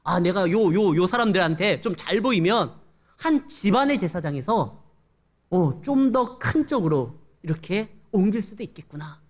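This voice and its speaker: A man's voice: high-pitched, animated, moderate pace. A man playing a folksy, opportunistic male Levite priest who talks in broad Jeolla dialect. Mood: sly.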